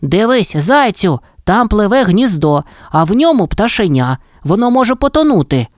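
A woman's voice: lowish voice, unhurried, dry recording, studio quality, voice pushed up. A woman voicing a cheerful little mole. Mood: eager. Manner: bright, excited, childlike exclamations. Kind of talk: storybook voice acting.

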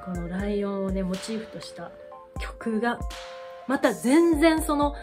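A woman hosting a reaction video, reacting with excited exclamations and then talking through her thoughts casually. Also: medium pitch, a little slow, over music.

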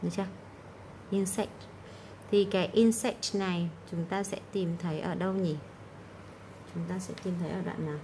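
A woman's voice: fairly low pitch, fairly even intonation, moderate pace, pauses often, noisy background. A woman English teacher going through exam answers, explaining key words and often checking in with "right?". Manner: explanatory, frequent "đúng không?" check-ins.

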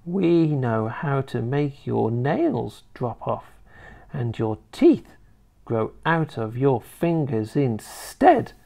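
A storybook reader voicing a sinister, witch-like old grandmother who taunts and threatens in a drawn-out way, slipping into a throaty whisper. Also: expressive, vocal fry, full character voice. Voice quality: shrill and cackling, dropping to a throaty whisper. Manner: slow, drawn-out menacing delivery. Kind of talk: storybook reading.

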